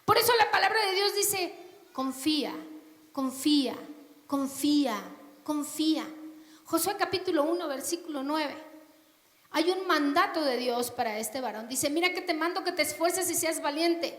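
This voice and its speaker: A woman delivers a sermon in a high, bright voice, putting questions to her listeners and swelling loud when she reads scripture. Her voice rings through a large hall with a long, echoing reverb. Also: lively intonation, moderate pace. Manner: questions the congregation, rising to loud emphatic scripture reading. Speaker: preacher.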